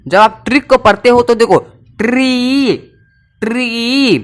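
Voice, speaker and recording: A man teaching an English pronunciation lesson, repeating sounds slowly and stressing each syllable, asking and then answering his own questions. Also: high voice.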